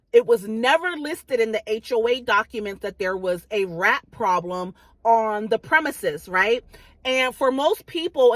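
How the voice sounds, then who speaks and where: A woman's voice: fairly high pitch, a bit bright, no room sound. A woman real estate agent talking informally to viewers, explaining advice in a conversational way and often checking that they follow. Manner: conversational, explanatory, checks understanding with "right?" and "okay?".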